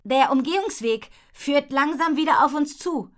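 Young girl rider, earnest, urgent, slightly high voice, read by a woman narrator, storybook reading. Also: normal speed, close to an everyday voice. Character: determined young girl rider, worried but brave.

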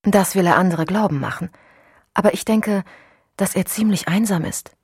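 A woman's voice: mid-range voice, moderate pace, darkish tone, husky, dry recording, studio quality. A woman voicing a guarded, proud young woman in an audiobook, speaking firmly and earnestly. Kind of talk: audiobook dialogue.

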